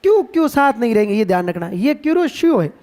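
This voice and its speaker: A man with a Rajasthani Hindi accent teaching geography to a class, playful and quizzing students with drawn-out repetitions. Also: extremely high pitch, very animated, a little mellow. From India. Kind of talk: classroom lecture.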